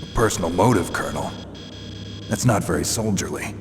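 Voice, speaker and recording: A man voicing a gruff, cynical special operations soldier in a video game, terse and sardonic. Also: sits low, lively intonation, brisk. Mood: skeptical, probing. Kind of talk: dramatic video game voice acting. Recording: long hall reverb, music behind.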